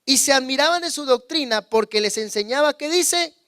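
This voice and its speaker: Man, pastor, high voice, dry close sound, loud and hushed by turns. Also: lively intonation, normal speed, dry recording. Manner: calls on the congregation to repeat words; swings between loud emphasis and hushed low asides. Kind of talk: sermon.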